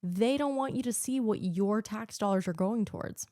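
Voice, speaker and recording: A woman's voice: mid-range voice, normal speed, warm tone, no room sound, studio quality. A woman from the United States hosting a podcast, delivering an earnest, ranting political monologue full of filler words. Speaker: podcast host.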